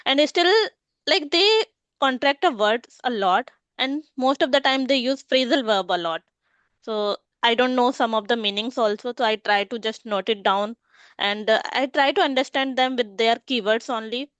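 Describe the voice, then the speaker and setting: Smooth-voiced woman host. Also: a little high, moderate pace, a bit bright, no echo. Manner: earnest, reflective, uses "you know" fillers. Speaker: podcast host. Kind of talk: casual podcast conversation.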